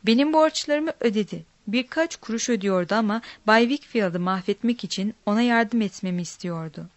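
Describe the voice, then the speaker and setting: A woman's voice: medium pitch, moderate pace, no echo, close to an everyday voice. A woman reads the part of a distraught, blustering middle-aged man from a storybook, his words coming in agitated bursts. The voice sits mid-height and sounds close and dry, with no room around it. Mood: accusing.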